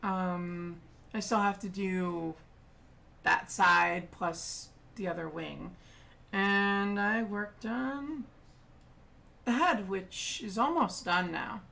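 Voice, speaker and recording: A woman's voice: medium pitch, extremely slow, gravelly, bright, forceful tone. A woman streaming as she paints miniatures, chatting casually with many ums.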